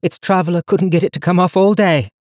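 A man's voice: high voice, fairly even intonation, a little fast, darkish tone, no echo, studio quality, pitched above the performer's own voice, lightly acted. A man voicing an earnest young woman traveler. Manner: earnest, rambling when tired. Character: determined young woman traveler, capable, weary.

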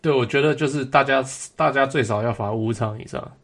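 A man's voice: medium pitch, brisk, a bit bright. A man casually discussing sports as a co-host, mixing English words into his speech. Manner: code-switches between Mandarin and English.

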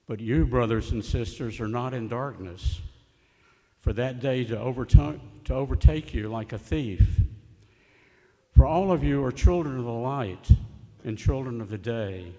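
Male lector, unhurried delivery, soft mellow tone, formal scripture reading, long church echo. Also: medium pitch. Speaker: lector at Mass. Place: large reverberant church.

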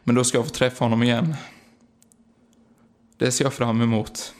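A man reading a personal memorial piece, quiet and earnest. His voice sits in a middle register and stays flat, with almost no rise or fall. The delivery is reflective and steady. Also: mid-range voice. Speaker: singer remembering his late grandfather. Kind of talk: read-aloud personal memorial narration.

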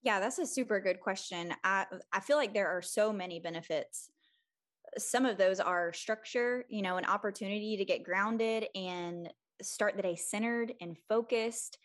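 A woman's voice: mid-range voice, normal speed, fairly bright tone. Friendly woman podcast guest. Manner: friendly, thoughtful, earnest. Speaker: guest, mom coach. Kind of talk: casual interview chat.

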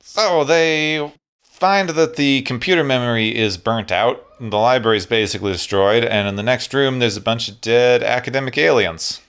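A man's voice: mid-range voice, normal speed, fairly bright tone, clear, resonant tone. A man co-hosting a podcast, casually recapping an episode's plot with dry, snarky remarks.

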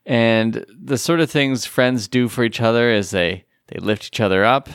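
A man's voice: mid-range voice, normal speed, clean tone, dry recording, clean studio sound. A man co-hosting a casual podcast, chatting in a rambling way with fillers and restarts. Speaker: podcast co-host. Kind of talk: casual chat.

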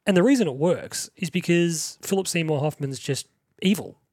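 Animated man, fairly high voice. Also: normal speed, breathy edge, no echo, clean studio sound. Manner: animated, laughs often, acts out movie quotes. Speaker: podcast co-host. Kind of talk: casual chat.

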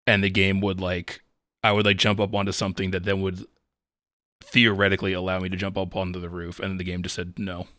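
A man's voice: sits low, completely flat delivery, fairly quick, sharp tone, no echo, clean studio sound. A man co-hosting a podcast in casual chat, rambling and leaning on "like" as a filler. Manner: rambling, heavy use of "like". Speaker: podcast co-host.

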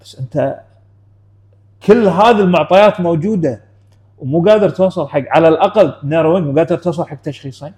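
A man's voice: fairly high pitch, fast talker, mellow. A man, a clinician explaining things in casual discussion and often checking in with his listener. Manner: explaining, frequent "you know how?" asides. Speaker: clinician guest.

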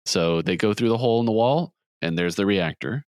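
A man hosting a podcast, casually retelling a movie plot with quick voiced quotes. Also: fairly low pitch, no echo, clean studio sound. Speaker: podcast host. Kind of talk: casual movie recap chat.

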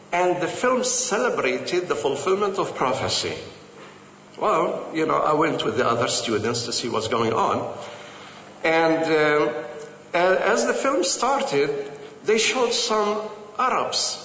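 A man's voice: a little high, a little hiss or hum. Man from Jerusalem telling stories in an echoey hall. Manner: earnest, lively, with frequent fillers and quoted dialogue. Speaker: speaker recounting personal experiences. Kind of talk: personal storytelling talk. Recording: echoey hall, dull lo-fi sound.

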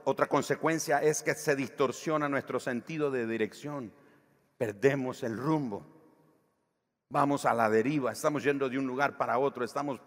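A man preaching a sermon as pastor, animated, acting out the voices of the people in his stories. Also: mid-range voice, big-room sound.

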